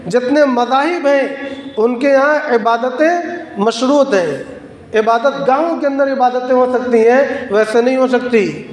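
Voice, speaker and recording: A man preaching a sermon in an emphatic, measured way, stacking repeated phrases for weight. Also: very high voice, slight background noise. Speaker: Islamic preacher. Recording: echoey hall with long reverb.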